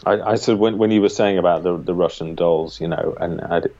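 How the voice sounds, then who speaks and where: A man's voice: low-pitched, a little fast, gravelly, dark tone. A British man interviewing in a casual, conversational way, circling tentatively as he forms his thoughts and questions. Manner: tentative, circling repetitions while forming questions. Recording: dull, band-limited sound.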